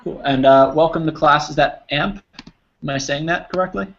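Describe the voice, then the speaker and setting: Over a video call, a New Jersey man runs a live online pronunciation lesson for a group of English learners, keeping his language simple and checking their understanding. He speaks at a fairly high pitch and moderate pace with a fairly bright tone. He's close to the computer, and the call sounds dull and lo-fi with clear noise.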